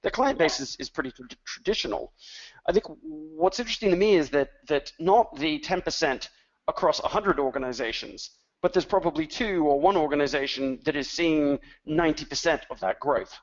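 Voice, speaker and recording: A man's voice: fairly high pitch, a little fast. Man talking in a rambling, hesitant way, muffled audio. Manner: rambling, many fillers and restarts. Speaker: industry analyst. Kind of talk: webinar talk.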